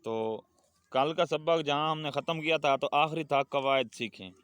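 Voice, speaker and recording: A man's voice: a little high, normal speed, a bit bright, clear, resonant tone, no room sound. A man with a Pakistani Urdu accent teaching a children's Urdu lesson, patiently repeating words and sentences for his pupils to say back. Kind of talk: classroom lesson with call-and-response drills.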